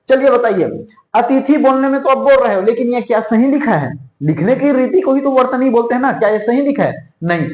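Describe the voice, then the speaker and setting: Male teacher, high voice, repetitive coaching lecture in an echoey room. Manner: repetitive, coaching, checks in constantly. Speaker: exam-prep teacher. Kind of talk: classroom lecture.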